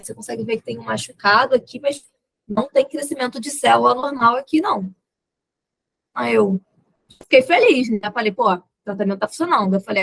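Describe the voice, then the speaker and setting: A woman's voice: a little high, creaky, no echo, rough recording. A young adult woman with a Brazilian accent, a podcast guest telling a personal story and acting out the dialogue in it. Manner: lively retelling that acts out quoted dialogue, with laughs.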